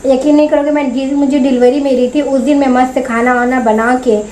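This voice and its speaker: A young woman from India, a vlogger, telling a personal story to camera in a chatty, animated way and acting out the voices of people she quotes. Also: high-pitched, a little fast, slight background noise, poor audio.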